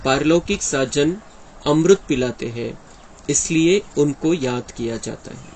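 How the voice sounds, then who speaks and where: A man's voice: fairly high pitch, lively intonation, slow, darkish tone, a little hiss or hum, low-quality recording. A man giving an earnest devotional discourse, explaining and often quoting his teacher. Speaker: spiritual speaker explaining a daily discourse.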